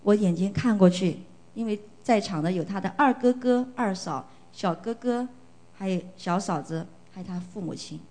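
A woman's voice: mid-range voice, moderate pace, dark tone. A middle-aged woman from China giving an earnest, emotional church testimony, often repeating phrases for emphasis.

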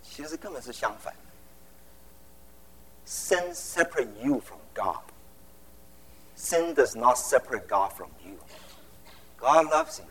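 A middle-aged man preaching a sermon. He talks in an animated way, drops English phrases into his speech and tells personal stories with vivid sound words. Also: medium pitch, slow, pauses often, low-quality recording.

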